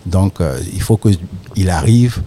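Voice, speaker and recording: Ivorian storyteller, low warm voice. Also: male voice, slow pace, slight background noise. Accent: Ivorian French. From Côte d'Ivoire. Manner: lively storyteller, animated when describing his craft. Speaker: storyteller and actor. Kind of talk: radio interview.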